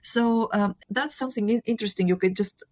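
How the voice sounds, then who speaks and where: A woman with a Bulgarian accent speaks as a panelist in a casual group discussion. Her voice sits at an average pitch for a woman, and she talks conversationally in English as a second language. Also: fairly quick, darkish tone, low-quality recording. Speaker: podcast panelist.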